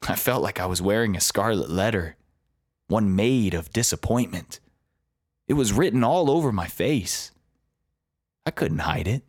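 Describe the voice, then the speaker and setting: Male narrator, memoir storytelling, low voice, dry close sound. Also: expressive, measured pace, long pauses, dry recording. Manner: reflective, confessional.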